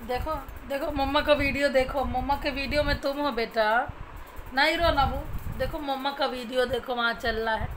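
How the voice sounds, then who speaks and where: A woman's voice: sits high, steady tone, moderate pace, noisy background. A young woman vlogging at home as a new mother, cooing and coaxing her baby in sing-song baby talk, then talking to viewers. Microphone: phone camera.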